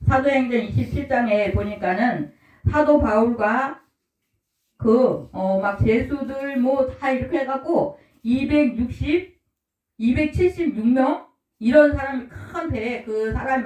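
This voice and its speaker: A fairly high-voiced woman preaching a sermon to her congregation. Her talk is homely, and she keeps asking the people questions to answer back. The sound is roomy and echoey, picked up from well away from the mic. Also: a little mellow. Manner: homely, quizzes the congregation, call-and-response. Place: church service room. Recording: roomy echo, mic from far off.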